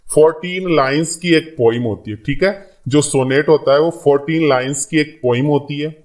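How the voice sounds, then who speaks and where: A man's voice: on the high side, moderate pace, darkish tone. A man teaching an English lesson in Hindi, repeating key points and reading English lines aloud. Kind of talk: classroom lecture.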